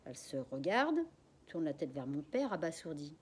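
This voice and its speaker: A woman reading a children's novel aloud, voicing the characters' lines with shouts and whispers. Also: low-pitched, very animated, a little fast, husky. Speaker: reader.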